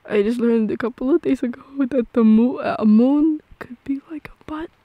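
In an ASMR-style girlfriend roleplay, a woman speaks softly and breathily, frequently slipping into a whisper, with a playful, dorky charm. Her voice sits on the high side at a normal pace, and the muffled recording has no echo.

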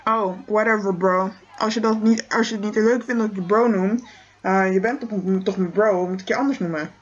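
A woman voicing a clueless, laid-back teenage boy in a toy-figure film, with a husky voice. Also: medium pitch, steady tone, moderate pace, muffled recording, close to an everyday voice. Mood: oblivious. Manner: laid-back, oblivious, careless. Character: clueless teen boy who calls everyone bro.

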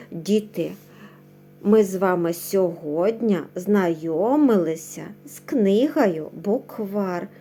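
Brief: woman, kindergarten teacher, slow and patient, lively rising and falling pitch. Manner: slow, patient, asks and answers her own questions; sings out sounds and words drawn out. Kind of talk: lesson for young children.

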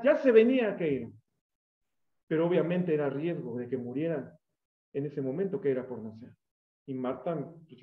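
High-voiced Mexican preacher in an echoey room. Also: male voice. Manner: lively storyteller who acts out quoted voices. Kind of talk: storytelling sermon. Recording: echoey, dull room sound.

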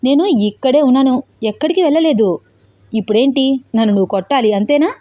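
A woman voicing a calm, fearless young man who taunts his attackers in a cool, mocking way. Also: sits high, a little fast. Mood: coolly mocking.

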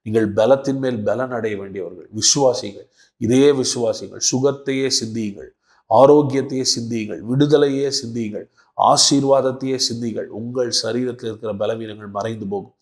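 A man from Tamil Nadu preaches straight to the camera in a devotional video, his voice sitting at an ordinary middle pitch. He builds his sermon and prayer from short, rhythmic phrases that he repeats for emphasis. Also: moderate pace, a little mellow. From Tamil Nadu, India. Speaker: pastor. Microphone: speaking to camera for a video.

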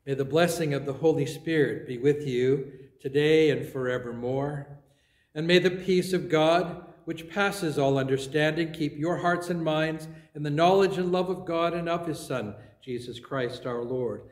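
A man leading a worship service as priest, reciting prayers in a measured, solemn way, with his voice ringing in an echoing church. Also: on the high side. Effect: echoing church reverb. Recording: roomy echoing church sound.

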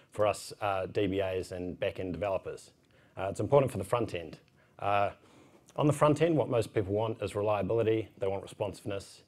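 A man's voice: deep voice, darkish tone. A man in his thirties with a broad New Zealand accent, giving an informal technical conference talk with casual, wry asides. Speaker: conference speaker. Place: indoor conference room, at a podium.

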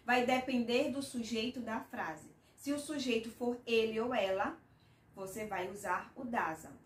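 A Brazilian woman with a Brazilian Portuguese accent and a slightly high voice gives a patient English mini-lesson. She repeats her example sentences slowly and clearly. The sound is roomy and echoey, with the mic set some way off. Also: recorded from a distance. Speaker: English teacher.

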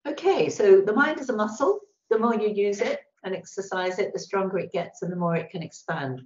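A woman giving an animated webinar presentation as a video call. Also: medium pitch, fairly quick. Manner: animated, acts out little voices. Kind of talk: presentation talk. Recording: echoey, dull lo-fi sound.

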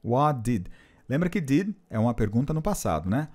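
A man's voice: medium pitch, very animated, normal speed, darkish tone. A man teaching an English lesson, patiently repeating and translating phrases. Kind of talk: explanatory language lesson.

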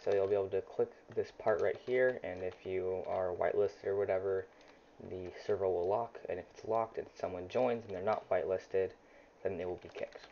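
In a screen-recorded coding tutorial on game scripting, a young man thinks out loud while typing, speaking casually with plenty of ums. He has a low-pitched voice with fairly even intonation at a moderate pace. The dull, lo-fi sound comes from a desk mic near a loud keyboard, with typing faintly audible.

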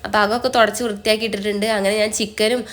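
A woman's voice: mid-range voice, flat delivery, very fast. A young Malayali woman with a blocked, nasal voice from a cold, chatting through a casual voice-over for her vlog. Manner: chatty, often ends phrases with a soft tag word. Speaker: vlogger.

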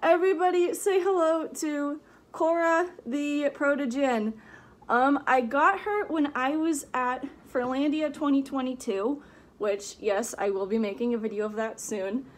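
Giggly high-voiced woman rambling on her vlog, sound all muffled inside a costume head. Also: unhurried. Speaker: vlogger. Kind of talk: casual vlog chat.

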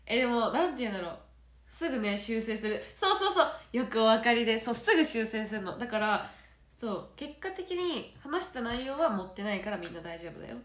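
A woman chats casually on a livestream, giggling often and drifting between soft murmurs and brighter bursts. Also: a little high, lively intonation, a little fast. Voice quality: nasal. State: stuffy nose. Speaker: idol trainee on a livestream. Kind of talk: casual livestream chat answering comments. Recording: roomy echo.

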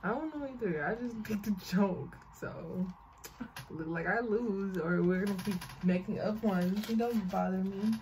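Young woman, casual chat, average pitch, slight background noise, home recording. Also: unhurried. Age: young adult. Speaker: co-host of a joke challenge. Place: bedroom, indoors. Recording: faint noise in home room.

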